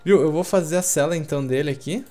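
A man's voice: on the high side, fast talker, darkish tone, faint music behind. A man with a Brazilian Portuguese accent, chatting casually while co-playing a survival game. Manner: laid-back, chatty, says "velho" often. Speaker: gamer co-playing. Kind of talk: casual gaming chat.

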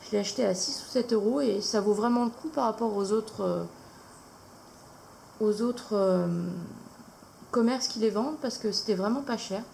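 Woman, craft vlog host, casual and halting, gravelly edge, faint hiss behind. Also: fairly high pitch, dark tone, low-quality recording. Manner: hesitant, many fillers. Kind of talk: casual haul video.

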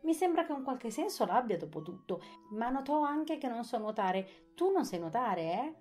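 Storybook king read by a woman: pompous, fussy, pitched high, drawn out. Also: sing-song, normal speed, a little mellow, soft background music. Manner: self-satisfied, fussy.

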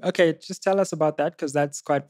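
A young man hosting a casual studio interview, relaxed and encouraging, often dropping to a low murmur. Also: fairly quick, dry recording. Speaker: interview host. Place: studio with sofas, indoors. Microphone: boom-arm podcast mic.

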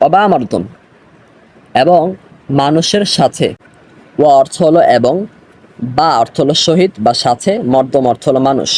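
Slow teaching man, warm mellow voice. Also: mid-range voice, animated. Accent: Bangladeshi Bengali. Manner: slow, explains and repeats words. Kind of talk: grammar lesson.

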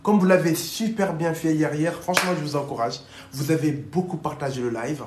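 A man's voice: on the high side, fairly even intonation, fairly quick, background noise. A man hosting a casual livestream as a dating coach, chatting upbeat and urging viewers to share. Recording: echoey room.

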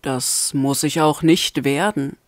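A woman reading a fan-made audiobook, voicing a gruff, blunt male vampire lover in a lowered, curt, measured voice. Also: no room sound, clean studio sound.

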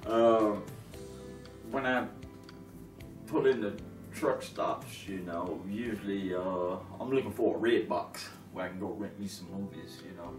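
Here a deep-voiced, unhurried middle-aged man, a long-haul trucker, gives a relaxed interview from the sofa in his living room, easygoing and peppered with fillers and false starts. Music runs under a roomy, far-off recording.

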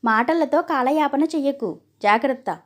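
A woman's voice: high voice, animated, a little slow. A woman voicing a threatening masked thief in a storybook tale. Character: menacing masked thief with a knife.

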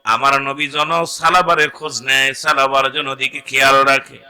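A man preaching an emotional waz sermon in a sing-song chant, rising into loud wailing cries. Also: mid-range voice, little pitch movement, moderate pace, clean tone, soft background music.

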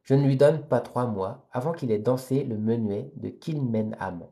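A man's voice: medium pitch, moderate pace, warm tone, lightly acted. A man reading a scornful village pharmacist. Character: indignant small-town male pharmacist.

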